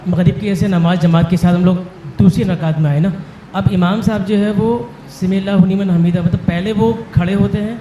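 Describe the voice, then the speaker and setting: A man in the audience asking a question in a halting way, repeating himself as he explains. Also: sits high, fairly even intonation, warm tone. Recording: echoey room with clear background noise.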